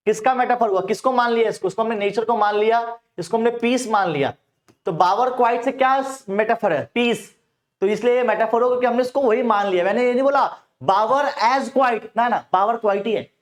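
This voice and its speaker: A man with an Indian accent teaching English poetry in a Hindi-English mix, asking questions and answering them himself. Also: very high-pitched. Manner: calls students "bhaiya". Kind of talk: Hinglish exam-prep lecture.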